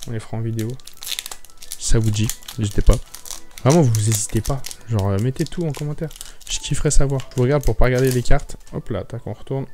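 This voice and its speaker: A young man with a French accent chatting excitedly to viewers, stumbling over his words as he opens card packs. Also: mid-range voice, a little fast, faint music behind. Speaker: YouTuber opening card packs. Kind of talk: casual excited chat.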